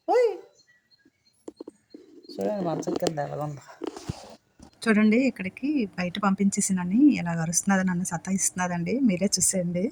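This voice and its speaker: A woman's voice: medium pitch, a little hiss or hum. Doting woman vlogging with her dog. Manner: scolding then doting, lively. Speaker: pet vlogger. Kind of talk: casual home vlog, talking to her dog. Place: home, indoors.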